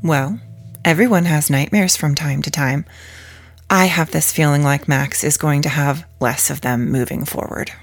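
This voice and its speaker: A man's voice: on the high side, moderate pace, pitched above the performer's own voice. A man voicing a smug, eerie woman who insists she is the boy's mother, speaking in a sweet, teasing, insistent way in a storybook reading. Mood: sweetly teasing.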